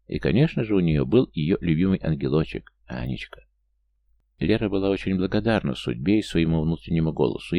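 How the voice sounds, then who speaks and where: A man reading an audiobook in a measured, even scripted narration. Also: low voice, vocal fry.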